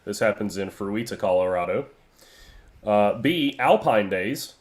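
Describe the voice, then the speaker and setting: Man, low voice, quiz host, jokey, hunts for words. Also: expressive, a little slow. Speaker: trivia quiz host, guest. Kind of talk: casual podcast quiz.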